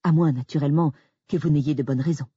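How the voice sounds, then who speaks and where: A woman's voice: deep voice, steady tone, fast, mellow, breathy edge, no echo, highs cut off. A woman voicing an uneasy hotel manager who speaks politely and carefully, in an audiobook.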